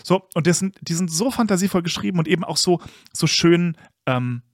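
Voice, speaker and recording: A man's voice: high-pitched, expressive, brisk, dry recording, clean studio sound. A man co-hosting a podcast in casual chat, who gushes enthusiastically and often restarts his sentences. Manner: enthusiastic, gushing; hesitant, with many restarts. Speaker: podcast co-host. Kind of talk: casual chat and storybook read-aloud.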